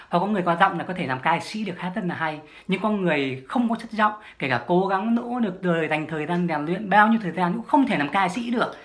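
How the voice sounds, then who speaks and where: A woman's voice: lowish voice, fairly bright tone. A woman, a language-learning vlogger giving a solo advice monologue, emphatic and repeating her key points.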